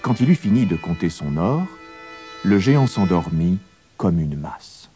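A man narrating a fairy tale as a storybook reading, with a very expressive, swooping delivery. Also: low voice, measured pace, music in the background.

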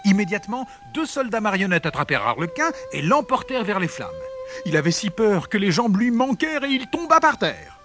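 Animated male storybook narrator. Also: high voice, fairly quick, soft background music. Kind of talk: storybook read-aloud.

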